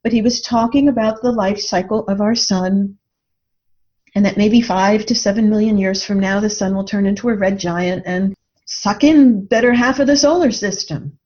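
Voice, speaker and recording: A woman with a medium-pitched, slightly mellow voice speaks at a moderate pace as a podcast guest, a writer and coach. She's earnest and reflective, sharing personal stories in an interview. The audio is dull and lo-fi.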